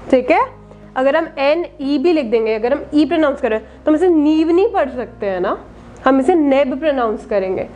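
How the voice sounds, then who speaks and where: A woman's voice: sits high, highs cut off. A woman teaching young children phonics, spelling words out letter by letter and often checking they follow. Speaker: kindergarten teacher.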